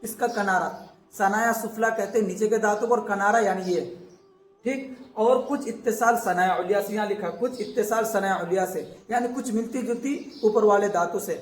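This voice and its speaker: A man teaching Quran recitation. He gives quick explanations, then draws out each letter sound slowly, and often checks that the listener is following. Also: high voice. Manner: slow drawn-out letter demonstrations between quick explanations. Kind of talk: pronunciation lesson. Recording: echoey room, faint background noise.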